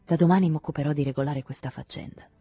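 Weary evasive man, curt and restrained, low husky voice, dark tone, audiobook, read by a woman. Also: fairly even intonation, quick pace, no echo, faint music behind.

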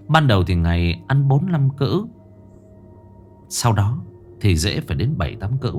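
A male storyteller narrates a horror tale in a low voice. His delivery is animated and dramatic, with a wide, swinging pitch. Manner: lively, dramatic reading.

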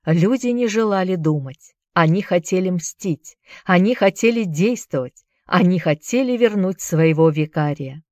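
A woman reading a novel aloud as an audiobook narrator, in an even, measured storytelling manner. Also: lowish voice, dry recording, clean studio sound. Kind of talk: scripted narration.

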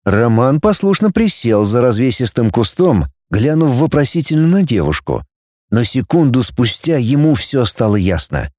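A man reading an adventure story aloud as narrator, lifting his pitch for each character's lines. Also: sing-song, moderate pace, darkish tone, no echo, clean studio sound. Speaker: audiobook narrator. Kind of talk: scripted narration.

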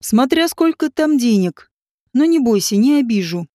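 A woman reading an audiobook voices a calculating man who speaks slowly and evenly. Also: fairly high pitch, big pitch swings, mellow, no echo, studio quality. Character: calculating man, coolly offering a bribe.

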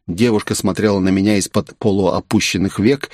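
A man narrating a first-person audiobook in a wry, expressive storytelling manner. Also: on the low side, a little fast, dry recording, studio quality.

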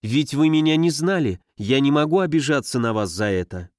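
A man's voice: mid-range voice, animated, brisk, dry recording, natural voice. Pleading young lady in an audiobook, read by a man, dry close sound. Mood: cool reproachful. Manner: pleading, agitated.

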